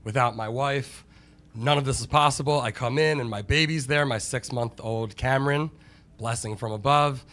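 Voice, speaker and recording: A man's voice: medium pitch, moderate pace, fairly bright tone. A man speaking conversationally as an interview guest about his daily routine as a business owner. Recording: faint background noise.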